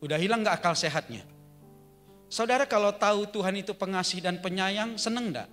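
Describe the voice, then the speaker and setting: A man's voice: sits high, fairly quick, a bit bright, faint music behind. A male pastor preaching in a church, telling the story with humor and asking the congregation questions. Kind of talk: sermon. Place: church sanctuary.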